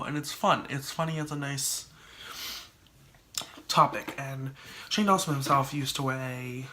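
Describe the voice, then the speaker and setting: A man's voice: a little high, sharp tone, slight background noise. A man vlogging casually to camera with a congested, stuffed-up voice, thinking aloud with lots of likes and ums. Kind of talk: casual solo talk to camera.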